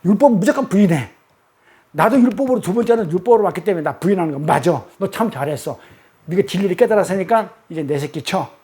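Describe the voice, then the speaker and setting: A man voicing Jesus as a gentle, loving father figure while acting out scripture in a sermon. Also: high-pitched, expressive, fast. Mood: tender.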